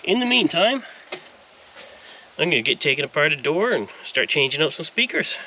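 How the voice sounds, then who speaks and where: In a car repair shop, a man hosts a casual how-to vlog on installing car audio, talking through each step conversationally. His voice is fairly high and sing-song, pushed and bright, at a moderate pace. There's slight background noise.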